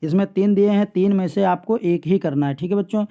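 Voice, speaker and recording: A man's voice: high voice, a little fast, mellow. A male teacher going through an exam paper for students step by step, often checking in with the class and repeating phrases. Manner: explains step by step, often repeats "theek hai bachchon". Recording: dull lo-fi recording.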